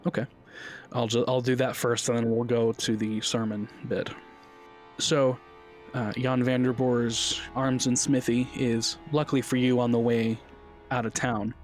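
A man narrating a tabletop game as game master in a relaxed, chatty way with many fillers. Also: mid-range voice, measured pace, soft background music.

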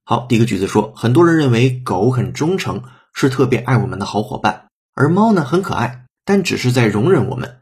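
A man's voice: medium pitch, very animated, a little fast, darkish tone, breathy edge. A man teaching an English lesson, breaking sentences down step by step and sometimes spelling words out letter by letter. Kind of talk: explanatory language lesson.

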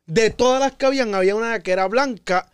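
Fast-talking male host. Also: sits high, clean tone, no room sound, clean studio sound. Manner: quick, joking, interrupting, mixes English into Spanish. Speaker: podcast host. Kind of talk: casual podcast chat.

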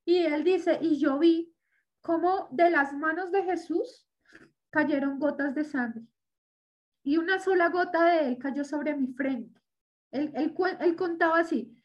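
A woman's voice: high voice, takes it slowly, highs cut off. A woman sharing a personal religious testimony as an interview guest, telling a story and acting out what people said. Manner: storytelling with re-enacted quotes.

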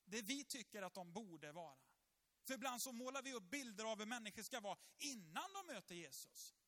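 A male pastor preaching, retelling a story vividly and checking that the congregation is following. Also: sits high. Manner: lively storytelling, asks the congregation along. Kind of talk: sermon.

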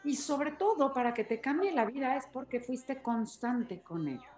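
A woman's voice: high-pitched, expressive, moderate pace, darkish tone, reverberant, soft background music. A woman host, explaining things earnestly and with emphasis in a conversational interview.

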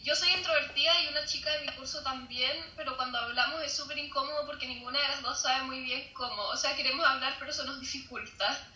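A woman's voice: high voice, steady tone, quick pace, hardly any pauses, pushed and bright, reverberant, poor audio. A young woman with a Chilean accent chatting casually and laughing through her stories. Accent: Chilean Spanish. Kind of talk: casual chat.

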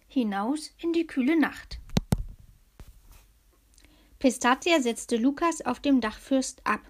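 A woman reading a children's story aloud in a calm, unhurried storytelling manner. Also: high voice. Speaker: narrator.

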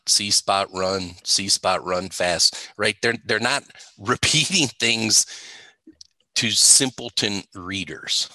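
A man's voice: on the low side, sharp tone, no room sound. A man teaching the Bible in a conversational way, emphatic and stressing points by repeating words.

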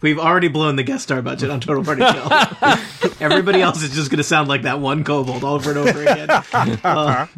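A man's voice: a little high, lively intonation, fairly quick, fairly bright tone, a little hiss or hum. A man playing a tabletop game, trading casual, wry, joking banter.

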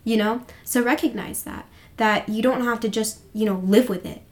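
A woman's voice: on the high side, fairly even intonation, moderate pace. A woman co-hosting a casual faith discussion podcast, heartfelt and encouraging, repeating phrases for emphasis. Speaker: podcast co-host.

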